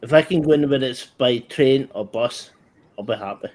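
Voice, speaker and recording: A man with a Scottish accent chats as a guest in an easy group conversation. His voice sits at an ordinary middle pitch. He is blunt and halting, breaking off mid-thought and starting over. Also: darkish tone. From Scotland. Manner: blunt, halting, trails off and restarts. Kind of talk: casual group chat.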